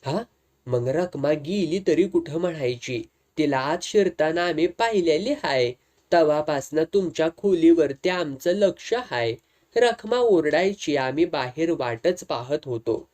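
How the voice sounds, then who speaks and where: A man's voice: on the high side, expressive, unhurried, a little mellow. A man voicing a pushy village headman who speaks in a blunt rural dialect in a storybook tale. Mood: suspicious. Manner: brusque rustic village dialect.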